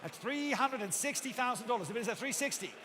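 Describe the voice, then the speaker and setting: A man's voice: extremely high pitch, expressive, fast, bright, forceful tone. A man working as an auctioneer, calling live bids in repetitive, insistent runs of numbers while politely addressing bidders. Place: large auction hall with bidders present. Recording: echoey hall PA with background noise.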